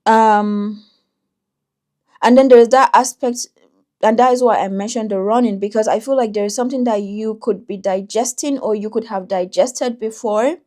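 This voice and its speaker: A woman doing a tarot reading for viewers, talking in a thoughtful, intuitive way with frequent pauses and restarts. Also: on the high side, fairly even intonation, a little mellow. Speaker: tarot reader.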